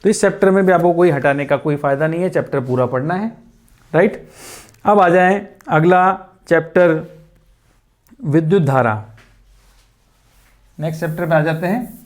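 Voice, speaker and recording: A male physics teacher talks through a lesson in an unhurried, patient way, circling back to key points and checking in with his students. His voice sits somewhat high for a man. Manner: patient, repetitive explaining with frequent check-ins. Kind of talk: classroom-style lesson explaining syllabus changes.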